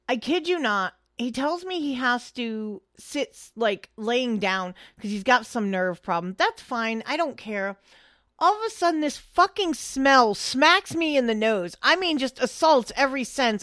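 A young woman with a slightly high voice tells stories in a blunt, salty, exasperated way. The sound is close and dry, with no room around it. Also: fairly bright tone, no room sound. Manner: blunt, profane, exasperated storyteller. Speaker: co-host and rideshare driver. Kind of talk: casual storytelling chat.

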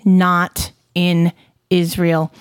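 A woman's voice: lowish voice, monotone, drawn-out words, smooth, dry recording, studio quality. A woman with a Southern US accent co-hosting a podcast, telling stories casually in an emphatic, folksy, sweary way. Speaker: podcast co-host. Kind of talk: casual conversational storytelling.

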